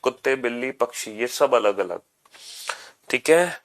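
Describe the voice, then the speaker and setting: A man's voice: mid-range voice, expressive, a little slow, vocal fry, a bit bright. A man teaching a class, explaining step by step, repeating each point and often calling his students "beta". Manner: repeats points, addresses students as beta, mixes English phrases. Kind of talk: classroom lecture.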